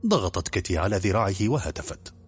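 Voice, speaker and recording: A man narrating an audiobook in a brisk, even storytelling manner. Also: deep voice, music in the background.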